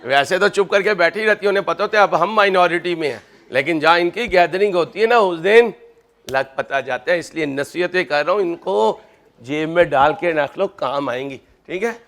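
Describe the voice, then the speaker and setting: Chatty guy teaching accounts, kinda high voice, cracks jokes at the class. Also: moderate pace, a bit bright. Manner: chatty, joking, addresses students as kids. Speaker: accounting lecturer. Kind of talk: classroom lecture with personal anecdotes.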